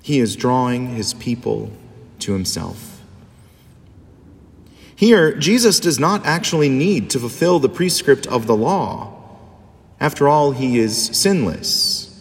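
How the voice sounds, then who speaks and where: A man, a priest, reading the Gospel and preaching a homily in a measured, solemn liturgical manner, his voice ringing with cathedral echo. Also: mid-range voice, very animated. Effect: cathedral echo, long church reverb. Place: large church. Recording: long reverb in a large church.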